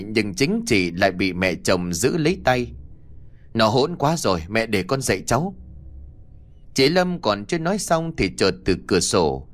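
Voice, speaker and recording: A man narrating a horror audiobook in a dramatic, expressive way. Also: mid-range voice. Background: faint music.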